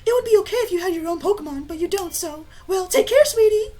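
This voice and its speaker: Girl doing a squeaky high game mom, sweet sing-songy fussing. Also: lively intonation, fast talker, dark tone. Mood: doting. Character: fussy caring mom, middle-aged woman.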